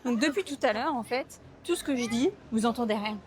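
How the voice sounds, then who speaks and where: A woman's voice: fairly high pitch, a little fast, slight background noise. Rambling young woman vlogging outdoors. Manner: rambling, self-mocking, slangy, many fillers. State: upset and hungry. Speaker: travel vlogger. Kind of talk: casual vlog chat to camera. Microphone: camera mic.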